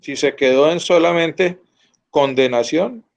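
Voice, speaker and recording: A man's voice: a little high, unhurried, creaky. A man teaching an online Bible class, earnest and often checking that his students follow. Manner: earnest, asks students to confirm.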